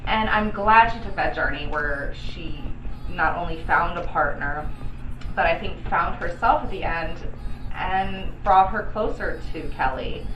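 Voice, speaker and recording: A woman's voice: fairly low pitch, unhurried, muffled recording, slight background noise. A tipsy woman rambling and giggling through a casual, chatty review, losing her thread as she goes. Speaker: co-host of a TV series review. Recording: echoey room, distant mic, music behind.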